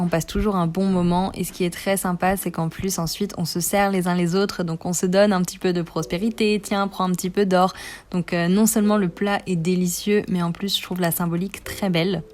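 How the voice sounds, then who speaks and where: A woman's voice: medium pitch, a little mellow, a little hiss or hum. A young woman narrating a casual food vlog, gushing with enthusiasm about each dish. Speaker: food vlogger.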